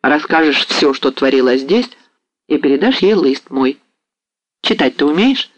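A man's voice: a little high, animated, unhurried, dry recording. A man voicing a sly, commanding cossack officer who teases with a knowing tone. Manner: teasing, knowing.

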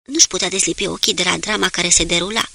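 A woman reading a novel aloud as an audiobook narrator, in a steady, measured way. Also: lowish voice, gravelly, no echo.

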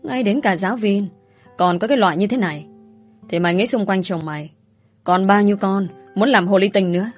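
A woman's voice: mid-range voice, fairly quick, soft background music, close to an everyday voice. Woman doing a foul-mouthed, furious older woman. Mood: indignant. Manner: swearing, scolding. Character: hot-tempered outspoken woman coworker, older sister type.

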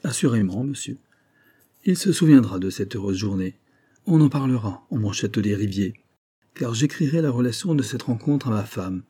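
A man's voice: mid-range voice, animated, moderate pace, dark tone, husky. A man reading an audiobook, voicing a boastful, fawning old army major with a blustering manner. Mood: proud. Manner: blustering, eager to please.

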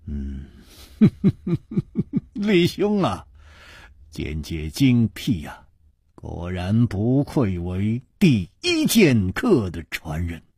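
Storyteller doing a chuckling, gracious hero. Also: male voice, deep voice, huge pitch swings, takes it slowly, darkish tone, husky, no room sound, clean studio sound, voice pushed down, full character voice. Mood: amused. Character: easygoing, gracious male wandering hero.

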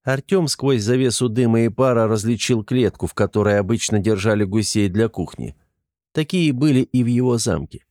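A man narrating an audiobook in an even, measured reading. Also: mid-range voice, dry recording, studio quality. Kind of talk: scripted narration.

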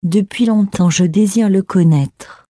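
A woman's voice: medium pitch, a little slow, warm tone, no room sound, clean studio sound, natural voice. A woman reading the part of a grieving desert mother, in an earnest, declamatory way. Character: grieving desert mother, proud then softening.

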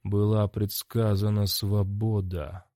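A man voicing a tall hooded clawed male demon that speaks in a slow, menacing hush. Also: lowish voice, flat delivery, no echo, clean studio sound. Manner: slow, hushed whisper.

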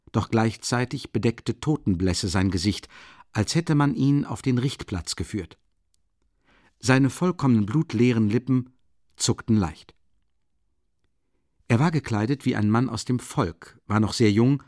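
Male narrator, mid-range voice, even storytelling delivery, dead-dry studio sound. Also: medium pitch, no echo. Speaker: audiobook reader. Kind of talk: scripted narration.

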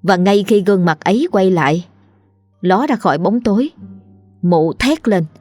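A woman narrating a ghost story in a steady, measured storytelling voice. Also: medium pitch, dry recording, soft background music.

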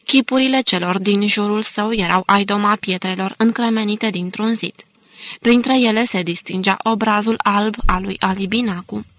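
Audiobook narrator: woman, measured even delivery, dry close sound. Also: mid-range voice, dry recording. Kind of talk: scripted narration.

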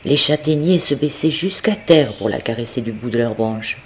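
A woman narrating a classic tale as an audiobook reader, expressive and talking straight to the listener. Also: a bass voice, moderate pace, slight background noise. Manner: expressive, addresses the listener directly. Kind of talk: storytelling narration.

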